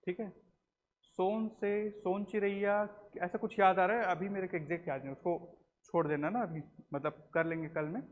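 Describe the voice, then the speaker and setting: Male teacher, slightly high voice, quizzing the class in a long-echo room on a dull recording. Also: steady tone, moderate pace. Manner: quizzes the class, repeats answers, says "ठीक है" often. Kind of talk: classroom lecture.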